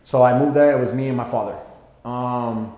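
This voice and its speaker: A young podcast guest from Puerto Rico, raised in Florida, rambles through a casual interview at a gym, full of fillers and restarts. His voice is medium-pitched and warm at a normal speed, heard in an echoey room with long reverb.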